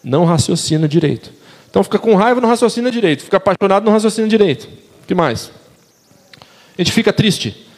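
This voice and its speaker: A young preacher with a Brazilian Portuguese accent speaks in a high, expressive voice, fast but pausing often, in a church hall with a long reverb tail. His casual sermon is slangy and conversational, full of questions put to the congregation.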